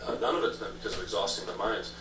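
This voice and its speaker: A man with a fairly low voice talks quickly, like a candidate in a political interview. He makes his points emphatically with repeated phrasing, heard from a distance in a roomy space. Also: fairly even intonation. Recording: echoey room, distant mic, noisy background.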